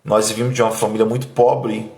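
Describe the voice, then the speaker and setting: Talking fast in a flat delivery, a man in his thirties who pastors in Bahia, Brazil, preaches and recounts his testimony with emphatic pleading. When he grows emotional his voice drops low and soft, and the space around him is reverberant.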